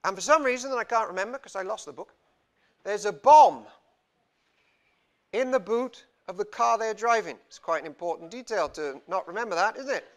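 A young man from Wales, visiting a small church to preach, gives an informal, chatty sermon full of self-deprecation while gesturing freely. Heard through a lapel mic indoors, his high voice is expressive and moves at a normal speed.

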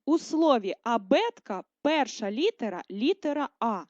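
A woman teacher giving a video lesson to first graders, speaking slowly and carefully and drawing out words to stress them. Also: a little high, expressive, darkish tone, no echo. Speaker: primary school teacher. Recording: dull lo-fi sound.

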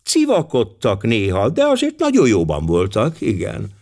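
A man's voice: fairly low pitch, huge pitch swings, darkish tone, full character voice. A man doing a fussy, indignant middle-aged housewife. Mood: indignant chatter. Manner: indignant, talkative.

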